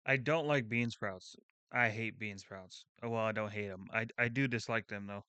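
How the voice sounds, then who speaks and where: A young man reacts to a food video in a loose, blunt way, swearing and restarting his thoughts as he goes. His voice is bright and smooth. The recording is dry and close, with no room sound. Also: fairly low pitch, steady tone, moderate pace, no room sound. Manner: blunt, swears freely, thinks aloud with restarts. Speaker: channel host reacting to a video. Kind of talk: casual reaction commentary.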